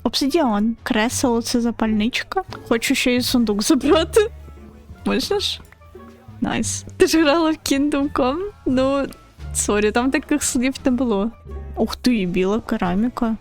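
High-voiced excitable young woman streamer. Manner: excitable, squeals and laughs when scared. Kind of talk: casual gaming commentary.

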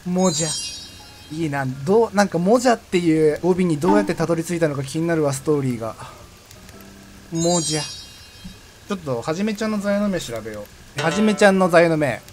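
Chatty young man with lively swings. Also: fairly high pitch, quick pace, background noise. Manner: chatty, laughs often, sudden loud outbursts. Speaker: game streamer. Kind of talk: casual game commentary. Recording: game music playing behind the voice. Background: background game music.

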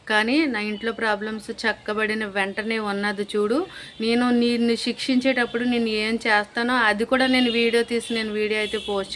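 A woman's voice: medium pitch, fairly bright tone, a little hiss or hum. A young woman vlogger delivering an angry, accusatory rant straight to the camera, scolding and repeating insults. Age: young adult.

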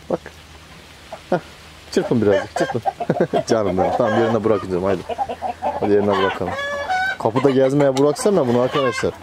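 Lowish-voiced male poultry vlogger, chatty and playful, clucking birds all around. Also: background noise. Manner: playful, chatty, coaxing the bird and addressing viewers. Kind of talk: casual chat to camera. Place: outdoor poultry coop. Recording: clucking birds loud behind. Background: chickens and quails clucking.

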